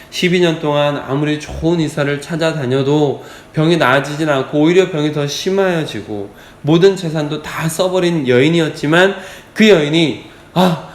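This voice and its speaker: A pastor preaching an emphatic, repetitive sermon at a dawn prayer service in a church. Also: male voice, fairly high pitch. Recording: echoey church hall.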